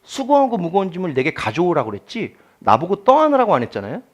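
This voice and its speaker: Animated preaching pastor, man. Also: sits high, fast, muffled recording. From South Korea. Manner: animated preaching, swinging between soft asides and loud declarations. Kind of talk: sermon.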